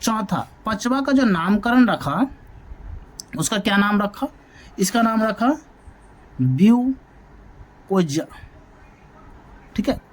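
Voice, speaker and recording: A man's voice: high-pitched, measured pace, long pauses. Man teaching, quizzing himself aloud. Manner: drills points by asking and answering his own questions. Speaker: math teacher. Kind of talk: classroom lecture.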